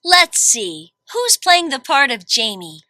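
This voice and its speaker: A woman studio host with a high, lively voice that swings widely speaks at a slow pace, like a chirpy presenter guiding children through a scripted session. She delivers upbeat instructions, and the recording is close and dry.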